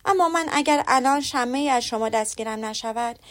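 A woman reading the lines of a witty, spirited young woman in a lively, teasing way. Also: fairly high pitch, close to an everyday voice.

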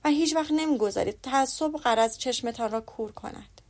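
Witty lively young lady read by a woman, teasing tone, fairly high voice.

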